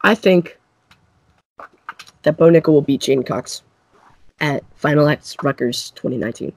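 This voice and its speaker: Co-host: mid-pitched, hesitant speaker, dry close-mic sound, quick to agree. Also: vocal fry, dry recording. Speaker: podcast co-host. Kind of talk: casual sports chat.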